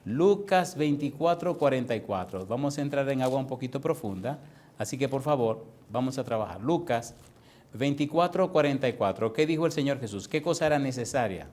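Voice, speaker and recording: A male pastor preaching a sermon, firing rapid questions at his congregation and slowing down to stretch key words for emphasis. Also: mid-range voice, expressive, darkish tone. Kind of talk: preaching sermon with call-and-response. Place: church congregation.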